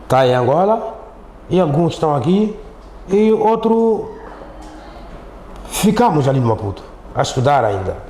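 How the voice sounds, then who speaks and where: A middle-aged man with a Mozambican accent, an Islamic teacher and interview guest, has a slightly high, dark-toned voice and is very animated, speaking at a moderate pace with frequent pauses. He tells things conversationally, often repeating himself and ending on tag questions. The echoey studio adds roomy echo and faint background noise.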